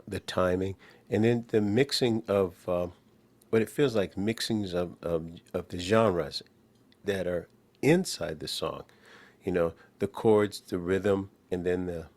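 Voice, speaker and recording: A man's voice: low-pitched, a little mellow, no room sound. A man co-hosting an interview, talking in long rambling sentences full of fillers. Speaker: podcast co-host. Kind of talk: casual interview chat.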